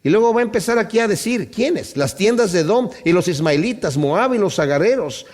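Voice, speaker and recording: A man preaching a Bible-study sermon, speaking emphatically to his congregation and slowing down to read scripture aloud. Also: sits high, lively intonation, darkish tone. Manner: addresses the congregation directly.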